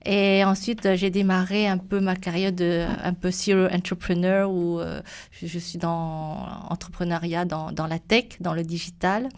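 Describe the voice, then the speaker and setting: A woman entrepreneur giving a lively radio interview, often restarting her sentences. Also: on the low side, moderate pace, smooth. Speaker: entrepreneur guest.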